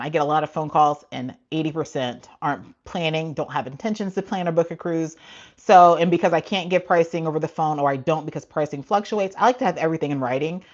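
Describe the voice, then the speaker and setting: Chatty woman on a lo-fi live stream. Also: sits low. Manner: chatty, frank, laughs often, many asides. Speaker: cruise travel agent hosting a live Q&A. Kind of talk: casual live-stream chat.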